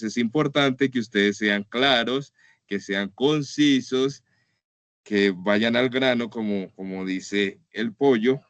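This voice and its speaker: A man's voice: mid-range voice, a bit bright, clear, resonant tone, no room sound. A man teaching an online class, walking students through slide examples in a patient, explanatory way. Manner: patient, explanatory, repeats "entonces" and "por ejemplo".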